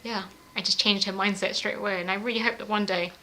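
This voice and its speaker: Woman interviewee, quick talker with a bright edge, lively and self-mocking, laughs a lot. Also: mid-range voice. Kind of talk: personal storytelling interview.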